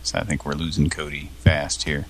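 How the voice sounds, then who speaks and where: A man's voice: very deep voice, flat delivery, normal speed, vocal fry, slight background noise. A man hosting a prank call show, chatting casually and wryly, swearing now and then. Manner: swearing, laughing, wry. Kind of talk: casual chat.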